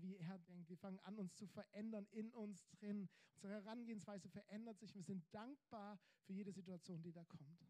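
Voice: medium pitch, warm tone. A preacher delivering an emphatic sermon, building points through repeated phrases and rhetorical questions.

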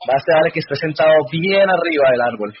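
Husky man telling business anecdotes. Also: fairly high pitch, lively intonation, fast talker. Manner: anecdotal, storytelling. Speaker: speaker at a business event. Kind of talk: motivational speech with anecdotes. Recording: dull lo-fi recording.

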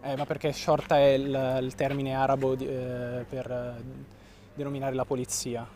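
A man's voice: medium pitch, monotone, moderate pace, warm tone. Man, co-host, hesitant film summary, casual talk, faint vehicle noise. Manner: hesitant, many fillers and restarts, searching for words. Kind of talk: casual film review chat.

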